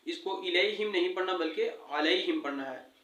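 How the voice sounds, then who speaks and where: A man giving a lesson on correct Quran recitation, explaining sounds and chanting verses slowly. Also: on the high side, a bit bright, echoey room, recorded from a distance, low-quality recording. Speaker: religious teacher. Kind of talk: tajweed lesson with slow recitation.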